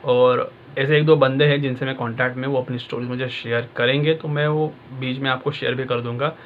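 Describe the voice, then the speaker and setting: A man's voice: medium pitch, phone-quality sound. A male exam-prep tutor talking casually and directly to his students, in a conversational coaching manner.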